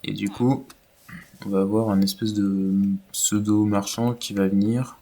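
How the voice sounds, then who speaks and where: A man with a low, fairly flat voice talks through his gameplay in a relaxed, rambling way, full of fillers. A faint hiss sits under the recording. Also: unhurried. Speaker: gaming YouTuber. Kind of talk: casual gameplay commentary.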